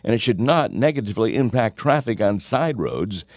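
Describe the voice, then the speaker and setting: A male news anchor reads scripted radio stories in a lowish voice. The sound is dry and close, as in a studio. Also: big pitch swings, moderate pace, darkish tone, dry recording.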